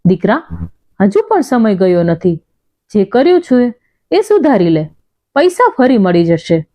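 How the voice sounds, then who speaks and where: A woman's voice: medium pitch, big pitch swings, a little slow, dark tone. A woman narrator voicing a grieving elderly mother who pleads with her son in a trembling voice. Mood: pleading. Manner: pleading, heartbroken.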